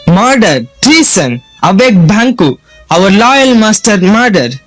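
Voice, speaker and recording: Man as high-voiced proclaiming royal courtier. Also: unhurried, breathy edge, no room sound, soft background music. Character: loyal courtier proclaiming news of royal murder. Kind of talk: amateur stage drama, declamatory.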